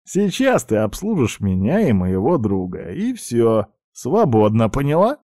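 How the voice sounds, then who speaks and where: A man's voice: medium pitch, huge pitch swings, unhurried, mellow, no echo, studio quality. A man voicing a crude, menacing bald male street thug who sneers and swears. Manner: sneering, threatening, foul-mouthed.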